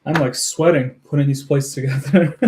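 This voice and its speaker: A man's voice: on the high side, measured pace, mellow. A man from Ukraine hosting a casual livestream, chatting with viewers and laughing often as he builds. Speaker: livestream host. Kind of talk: casual chat with live viewers.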